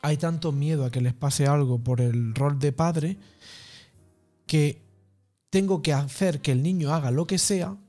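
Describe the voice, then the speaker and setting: A man calmly explaining emotions as a guest, in a slow, measured, spiritual teaching manner. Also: a little high, soft background music. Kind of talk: calm reflective explanation.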